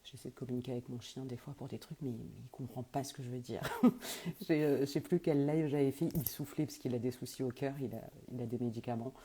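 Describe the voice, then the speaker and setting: A woman's voice: a bass voice, steady tone, brisk, warm tone, breathy edge. A woman working as a medium who answers viewers' questions in a casual live stream, talking hesitantly with many fillers and restarts.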